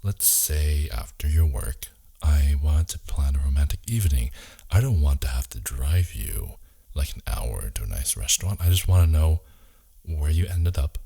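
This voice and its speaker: Very deep, husky romantic leading man, ASMR role-play. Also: lively intonation, moderate pace. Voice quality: husky, gravelly low murmur slipping into soft voice.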